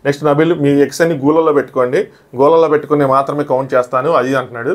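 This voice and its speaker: Rapid-fire male show reviewer. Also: a little high, steady tone. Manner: rushed storytelling, briefly acting out quoted lines. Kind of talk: casual episode recap commentary.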